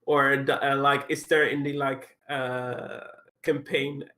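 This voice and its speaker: A man's voice: medium pitch, level tone, slow, sharp tone. Rambling man at the game table. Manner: rambling, full of "like" and "uh". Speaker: player. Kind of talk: tabletop role-play chat.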